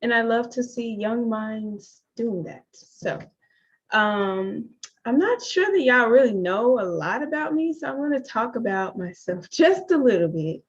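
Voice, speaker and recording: The owner of a school in Jackson, Mississippi, USA, hosts a live online open house, chatting in an upbeat way full of "um" and "like" in this casual live presentation. Her voice is fairly high, expressive and unhurried, with a breathy edge. It comes through a video call with slightly dull lo-fi audio.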